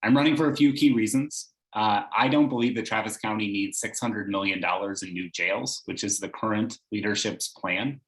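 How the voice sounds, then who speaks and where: Man candidate, earnest steady campaign pitch, lowish voice, echoey room on a call. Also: normal speed, hardly any pauses.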